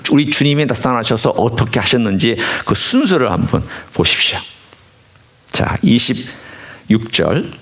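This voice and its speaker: A man's voice: medium pitch, fairly bright tone. A male pastor giving a sermon in a church, preaching with animation and putting questions directly to the congregation. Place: church sanctuary.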